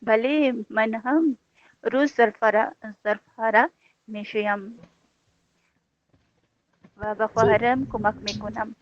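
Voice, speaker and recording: A woman student, answering hesitantly and softly with pauses in a practice dialogue. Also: a little high, steady tone, highs cut off.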